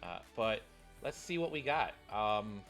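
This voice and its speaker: A gaming streamer's voice sits on the low side, a bit bright, with vocal fry and a sing-song lilt at a measured pace. He rambles informally to his audience, commenting on the game and reading story text over the game music.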